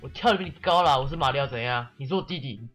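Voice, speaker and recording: Man, let's play commentary, sarcastic, swears a lot, mid-pitched voice, faint game music underneath. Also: very fast, fairly bright tone. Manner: sarcastic, swears often, reads game text mockingly. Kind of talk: casual gameplay commentary.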